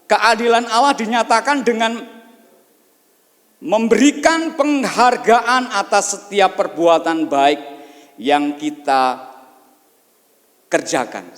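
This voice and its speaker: A man's voice: sits high, animated, a little slow, pauses often, big-room sound. A man preaching a sermon as pastor at a church service. He asks rhetorical questions and often turns to address the congregation.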